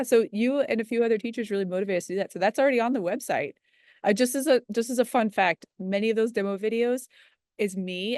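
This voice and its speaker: A woman's voice: medium pitch, a little mellow, dry recording, clean studio sound. Eager woman explaining her program. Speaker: education program leader. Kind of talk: panel discussion.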